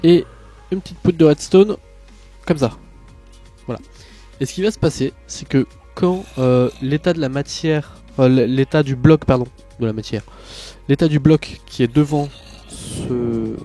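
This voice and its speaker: A man's voice: medium pitch, measured pace, long pauses, warm tone, faint music behind. Chatty man narrating a game tutorial. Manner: chatty, rambling, with many hesitations and asides. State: tired. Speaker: Minecraft tutorial youtuber.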